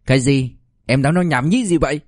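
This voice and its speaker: A man voicing a stern, hurried army officer husband in an audiobook, brusque and urgent. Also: medium pitch, a little mellow, no echo, clean studio sound, natural voice.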